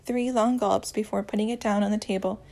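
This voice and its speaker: A woman reading a romance story aloud, with a gentle, even storytelling manner and small voice changes for the dialogue. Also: medium pitch, a little fast, creaky. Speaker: audiobook narrator.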